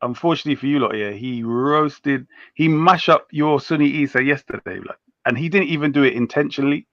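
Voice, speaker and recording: A man's voice: a little high, brisk, fairly bright tone, no echo, dull audio. A man explaining his points assertively in a casual panel debate.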